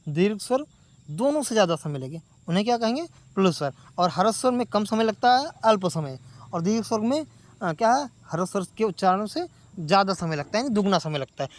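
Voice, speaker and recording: A man teaching a grammar lesson for exam preparation, asking questions and answering them himself, stretching sounds out slowly. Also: high voice. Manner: stretches sounds out slowly when demonstrating vowels.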